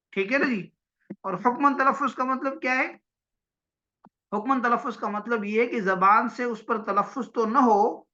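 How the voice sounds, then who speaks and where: A man's voice: high-pitched, sharp tone. Man teaching grammar, asking questions often. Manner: explains step by step, asks and answers his own questions; checks with "ٹھیک ہے نا جی؟" often. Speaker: religious studies teacher. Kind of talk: classroom grammar lecture. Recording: dull lo-fi audio.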